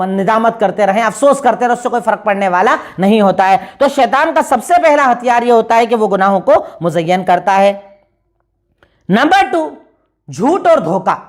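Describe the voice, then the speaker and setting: A woman giving a religious lecture, emphatic, asking rhetorical questions and answering them, reciting Arabic verses slowly. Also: medium pitch. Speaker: Islamic preacher.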